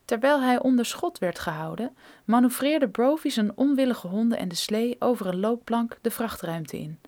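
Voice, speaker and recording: A woman reading a thriller audiobook in a steady, measured storytelling manner. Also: fairly high pitch. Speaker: narrator.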